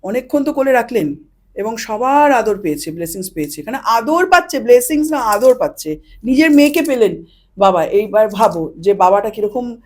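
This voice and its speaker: A woman's voice: a little high, sing-song, brisk, darkish tone. A woman guest on a podcast, a past life regression practitioner, telling a story animatedly, acting out quoted dialogue and slipping in English phrases.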